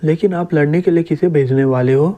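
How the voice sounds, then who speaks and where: A man's voice: on the high side, fairly quick, warm tone, lightly acted. A man reading the lines of a curious male noble aide in a comic recap. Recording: dull lo-fi recording.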